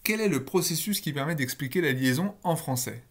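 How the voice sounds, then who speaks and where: A man's voice: on the high side, expressive, fairly quick, fairly bright tone. Blunt, emphatic male linguistics lecturer. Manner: emphatic, blunt, casual asides. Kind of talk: recorded video lecture.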